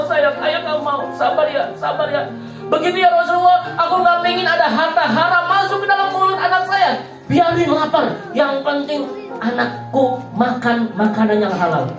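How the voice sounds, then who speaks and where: A man's voice: very high voice, pitched above the performer's own voice. Man doing a tender, earnest devout father. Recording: echoey hall from far off, with crowd.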